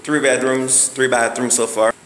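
A man's voice: medium pitch, little pitch movement, normal speed, fairly bright tone, slight background noise, poor audio. A man giving a casual walking house tour on a handheld phone camera, rambling and searching for words with many fillers. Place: empty house, indoors and on balconies.

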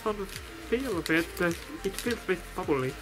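A speaker talks from inside a costume head, so the voice comes through it. The talk is loose and halting, full of restarts as they think aloud over a snack box. Music plays clearly behind them. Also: medium pitch, lively intonation. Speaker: vlogger opening a fan's snack package. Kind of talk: casual unboxing and taste-test chat.

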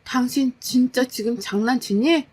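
A woman's voice: high-pitched, a little slow, a little mellow, breathy edge, voice pushed up. A woman voicing an exhausted working wife who scolds her husband in exasperation in a story. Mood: exasperated scolding.

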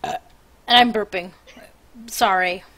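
A woman's voice: medium pitch, unhurried, fairly bright tone. Tired young woman streamer, rambling, teasing, casual live-stream chat. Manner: rambling, teasing, self-interrupting.

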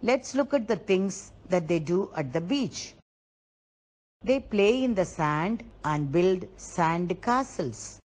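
A woman narrating a scripted lesson for young children, explaining slowly and simply and asking them questions. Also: fairly low pitch, animated, darkish tone, poor audio. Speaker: kindergarten teacher.

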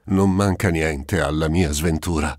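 A man's voice: extremely low pitch, measured pace, darkish tone, dry recording, studio quality. A man voicing a desperate noblewoman pleading at her dying father's bedside in an audiobook. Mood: anguished pleading. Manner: pleading, sobbing outbursts. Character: desperate grieving noblewoman, young daughter.

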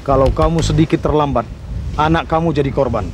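A man's voice: on the high side, fairly quick, over music, natural voice. An actor playing a menacing gang boss who calls himself a king, with a roaring, imperious manner, in a TV crime drama. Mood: threatening. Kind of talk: television crime drama acting. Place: outdoors.

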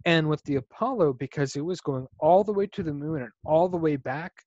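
A man giving a casual slide lecture about rockets on a video call, relaxed and explanatory, with frequent ums and restarts. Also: on the high side, brisk, no echo. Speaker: guest speaker presenting on spacecraft engineering. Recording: dull, dry video call audio.

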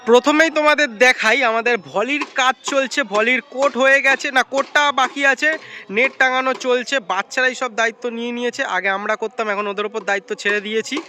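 A young man chatting excitedly to viewers in a casual daily vlog. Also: very high-pitched, quick pace. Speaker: vlogger. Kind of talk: casual vlog chat to camera.

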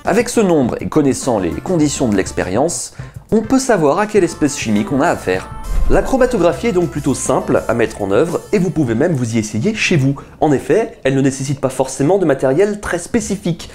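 A man's voice: on the high side, sing-song, a little fast, a little mellow, faint music behind. A man in his thirties hosting a science video, explaining and carrying out a chemistry experiment at a desk with an enthusiastic, chatty teaching tone. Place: small indoor room, seated at a table.

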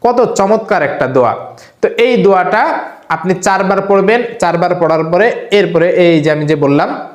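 A male preacher, giving earnest, repetitive religious instruction and slowly demonstrating a remedy. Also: sits high, animated, reverberant. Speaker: Islamic preacher.

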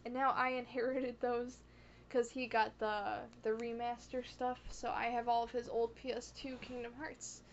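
Casting: young woman vlogger, high voice, excitable, rambling, self-conscious. Dull, lo-fi recording. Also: normal speed. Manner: excitable, gushing, heavy on "like" and "oh my god"; self-conscious, apologetic asides. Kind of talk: casual rambling chat. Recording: dull lo-fi audio with faint hiss.

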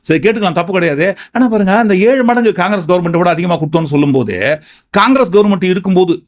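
A man's voice: high-pitched, racing. A man giving political commentary, sarcastic and firing off rhetorical questions.

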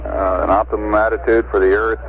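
A man's voice: fairly low pitch, little pitch movement, brisk, gravelly. A man in astronaut radio style, a mission control communicator giving procedural updates and figures. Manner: procedural, reads figures digit by digit. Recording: muffled radio link with hiss.

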